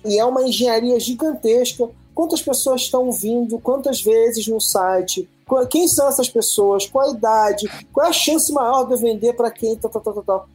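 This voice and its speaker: A woman with a Brazilian Portuguese accent, a podcast panelist talking in an animated, emphatic way and often tagging questions onto her sentences. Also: on the high side. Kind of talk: casual podcast discussion.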